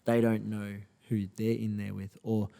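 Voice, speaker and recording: A man's voice: lowish voice, little pitch movement, moderate pace, creaky, mellow. A man hosting a podcast in casual, slangy chat, swearing freely. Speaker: podcast host. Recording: echoey room with long reverb.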